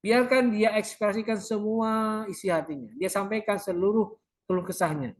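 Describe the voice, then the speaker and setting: A man's voice: sits high, steady tone, normal speed. A male university lecturer walks his class through counseling techniques. He gives each term in English, then restates it in translation. He often asks rhetorical questions and answers them himself. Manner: explanatory, repeats terms in English then Indonesian.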